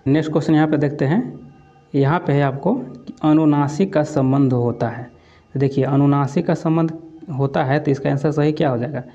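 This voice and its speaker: A man's voice: a little high, steady tone, moderate pace, warm tone, highs cut off. A man going through exam quiz questions as a coaching teacher, repeating each answer and adding "theek hai" as a filler. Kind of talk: quiz lesson walkthrough.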